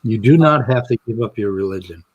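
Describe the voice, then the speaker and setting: Husky man arguing his point. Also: fairly low pitch, lively intonation, brisk, no room sound, muffled recording. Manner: earnest and argumentative, explains with long examples. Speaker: critic in a debate on creation and science. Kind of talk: casual video-call conversation.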